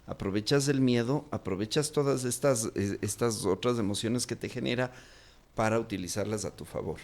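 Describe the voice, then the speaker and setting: A male actor with a Quito Ecuadorian accent talks loosely in an interview, his voice at an ordinary middle pitch. He rambles, restarting his sentences and filling the gaps with "eh" as he thinks aloud. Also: moderate pace, gravelly, darkish tone. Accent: Quito Ecuadorian Spanish. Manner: rambling, many fillers and restarts. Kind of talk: casual interview talk.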